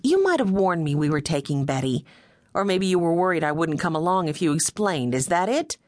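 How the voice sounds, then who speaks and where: A woman's voice: fairly low pitch, very animated, brisk, a little mellow, dry recording, studio quality. A woman narrator voicing a spirited young woman who scolds and teases in a wry way. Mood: scolding.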